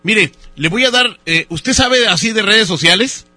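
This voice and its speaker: A male radio host runs a prank call, playing a hesitant customer who stumbles through fillers before slipping in teasing jokes. His voice sits high and sounds very bright and cutting. The sound is dry and close, with a little music under it. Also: animated, measured pace, no echo. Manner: teasing and joking.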